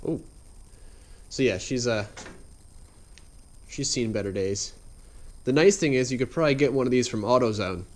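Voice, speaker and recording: A medium-pitched man speaking at normal speed, with long pauses, describes his car build as he works in a garage. His voice is congested and slightly nasal, his manner relaxed, rambling and full of filler, and a head-mounted action camera mic records this informal how-to narration.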